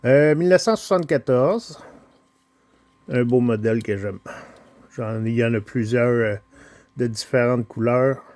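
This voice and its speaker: Un homme à l'accent québécois présente sa collection de petites voitures dans un vlog décontracté, en parlant avec hésitation et de nombreuses pauses. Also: male voice, mid-range voice, a little mellow. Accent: Quebec French. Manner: slow, hesitant, full of pauses and filler sounds. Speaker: toy car collector showing his collection. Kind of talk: casual unboxing vlog.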